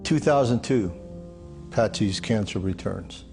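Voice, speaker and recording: A male television reporter reading scripted news narration in an even, polished way. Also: on the low side, unhurried, music in the background.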